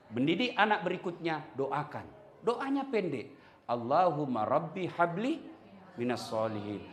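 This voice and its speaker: A man preaching a lively sermon to a congregation, animated and playful, asking questions and answering them himself. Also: on the high side. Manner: animated, playful, acts out quoted voices. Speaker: Islamic preacher.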